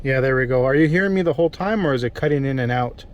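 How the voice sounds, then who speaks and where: A man's voice: medium pitch, racing, dull audio. A man giving casual, off-the-cuff vlog commentary as he tests a product. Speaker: product reviewer. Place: in or beside a car at a mall.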